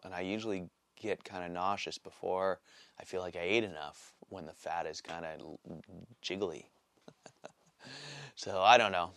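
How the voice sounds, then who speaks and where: A man in his late forties giving a casual, rambling vlog update, halting often with fillers and restarts. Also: low voice, no echo. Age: 40s. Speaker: vlogger. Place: small cold workshop shack.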